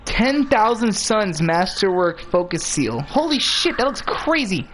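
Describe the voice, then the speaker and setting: A young man chats loosely while he plays a game, cracking crude jokes and breaking into giggles. His voice swings widely up and down, his talk is unhurried, and a faint hum sits behind him. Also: high-pitched, sing-song. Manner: giggly, laughs often, crude joking. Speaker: gamer. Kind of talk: casual chat while gaming, freestyle rapping.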